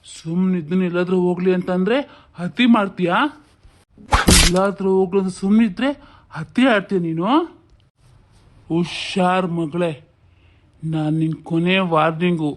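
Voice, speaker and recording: A man's voice: high voice, fairly even intonation, a little fast, a little hiss or hum, natural voice. A man playing a domineering husband who bullies and threatens his wife. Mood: menacing. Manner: bullying, shouting threats and scolding.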